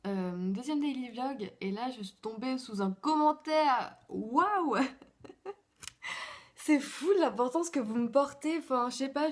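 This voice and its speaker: A woman's voice: fairly high pitch, a little mellow. A young woman vlogging casually into her phone, chatty and rambling with lots of fillers. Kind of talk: casual vlog chat. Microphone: phone camera.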